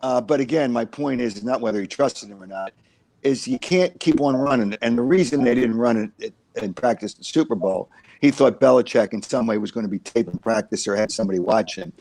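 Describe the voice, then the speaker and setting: A sports co-host with a gravelly, slightly mellow mid-range voice talks fairly quickly through football analysis. The chat is casual and rambling, full of repetition and uhs, and the recording is dry and rough.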